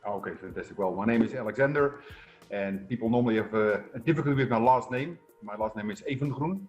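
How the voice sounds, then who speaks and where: A middle-aged Dutch man with a Dutch accent, a success coach and entrepreneur, speaks conversationally and upbeat as a guest in an interview. His voice is lowish and fast, with faint music playing behind him.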